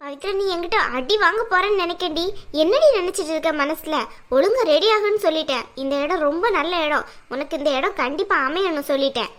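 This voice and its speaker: A woman's voice: very high voice, fast talker, fairly bright tone. A woman voicing a tearful, anxious middle-aged mother in a cartoon, pleading and scolding by turns. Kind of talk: cartoon voice acting.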